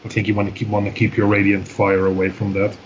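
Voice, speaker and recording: Man, game player, lowish voice, dry teasing chat, muffled lo-fi mic, faint hiss. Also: monotone, fast. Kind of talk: casual tabletop game chat.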